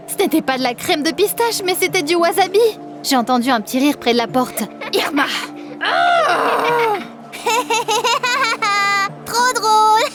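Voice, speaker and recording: High-voiced woman telling an animated story, dramatic and lively, faint music under it. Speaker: narrator. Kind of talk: animated story narration in first person.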